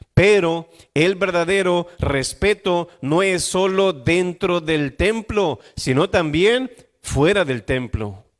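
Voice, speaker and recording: High-voiced preacher. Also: male voice. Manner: animated preaching with acted-out quotes and jokes. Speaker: pastor. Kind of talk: sermon.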